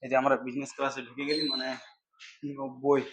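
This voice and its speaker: A man's voice: mid-range voice, monotone, a little fast, fairly bright tone, breathy edge, no echo. A young man narrating a casual travel vlog aboard a ferry, guiding viewers along with lots of fillers. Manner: chatty, guiding, frequent fillers. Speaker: vlogger.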